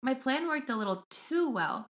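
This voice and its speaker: A woman co-hosting a podcast, chatting casually and reading stories aloud in an animated way. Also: sits high, moderate pace. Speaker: podcast co-host. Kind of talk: casual chat and storytelling.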